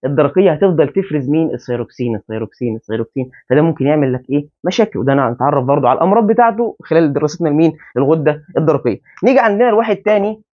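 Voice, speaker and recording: A man with an Egyptian Arabic accent teaching a biology lesson at a whiteboard, quizzing students with quick rhetorical questions. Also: a little high, expressive. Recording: dull lo-fi sound.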